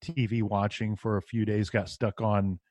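A man's voice: lowish voice, little pitch movement, moderate pace, darkish tone, no echo. Casual man guesting on a podcast, dry sound. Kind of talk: casual chat.

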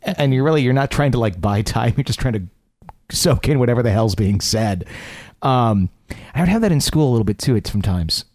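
A man's voice: mid-range voice, lively intonation, fairly quick, darkish tone, no echo. A man hosting a talk show, speaking in a casual, conversational way into a close studio microphone.

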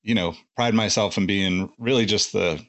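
A man's voice: on the low side, moderate pace, fairly bright tone. A man co-hosting a podcast in casual chat, rambling with many restarts and fillers. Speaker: podcast co-host.

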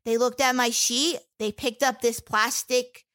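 Woman, interviewee, personal testimony, halting, candid, filler-heavy, slightly high voice. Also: fairly even intonation, a bit bright.

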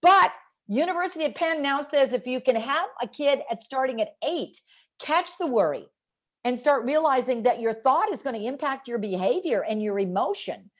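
Animated middle-aged woman, higher voice. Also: moderate pace. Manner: animated storyteller, acts out quoted kids. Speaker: guest expert, educational psychologist. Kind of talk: conversational interview.

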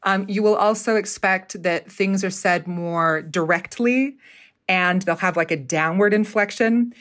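A woman from Utah, a dialect coach and theater professor, explaining in a relaxed, conversational way with small restarts. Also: medium pitch, a little slow.

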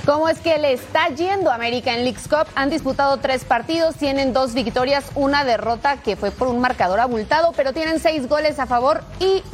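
High-pitched woman presenting sports news. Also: fairly quick, few pauses.

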